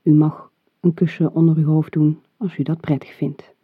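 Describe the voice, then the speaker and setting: Measured meditation instructions come from a relaxation guide with a calm, soothing, soft and breathy mid-range voice. Sound quality is muffled and phone-like, and there is a noticeable roomy echo.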